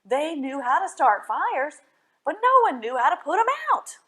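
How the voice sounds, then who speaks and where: A high-voiced woman reads at normal speed to kids at a library storytime, performing stories and poems with plenty of expression. She regularly turns to her young audience with questions.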